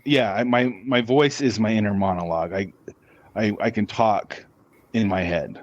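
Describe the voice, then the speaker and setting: A man speaks as a podcast guest in a low voice, answering casually with frequent restarts and repeated words. The sound is dry and somewhat dull, like a lo-fi recording. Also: moderate pace, dry recording.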